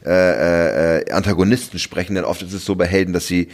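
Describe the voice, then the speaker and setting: A man's voice: sits low, brisk. A man hosting a podcast interview, asking long rambling questions full of fillers. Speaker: podcast host.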